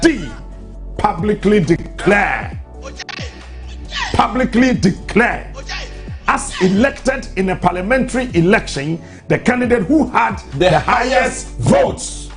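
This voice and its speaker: Man, Ghanaian accent, radio host, highish voice, deliberate explainer, repeats for emphasis, music behind. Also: expressive. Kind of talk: reading out legal text and explaining it live on air.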